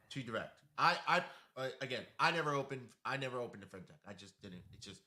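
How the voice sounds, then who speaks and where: Bright-voiced man rambling on a live stream. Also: on the low side. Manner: rambling, loose with many fillers and restarts; animated when quoting others. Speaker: co-host of a live crypto talk stream. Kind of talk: casual live stream chat. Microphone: home desk mic with monitor.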